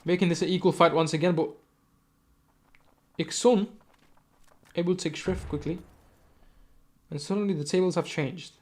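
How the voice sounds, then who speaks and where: A man casting a live esports match, giving quick play-by-play with chatty asides and self-corrections. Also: high-pitched. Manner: rapid, self-correcting, chatty asides, sudden excited outbursts. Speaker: esports caster.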